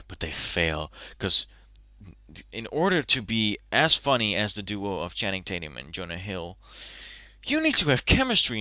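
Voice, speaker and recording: Young male vlogger, lowish bright voice, crisp and dry, animated swearing rant. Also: no echo. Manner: animated, gets agitated and swears. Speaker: movie reviewer. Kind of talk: casual ranting review.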